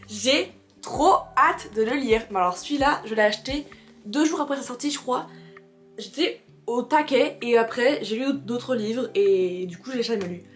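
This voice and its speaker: A woman presenting books in a casual vlog, chatty and excitable, laughing often and reading back-cover blurbs aloud. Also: fairly high pitch, normal speed, soft background music. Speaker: booktuber. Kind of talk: casual book haul chat.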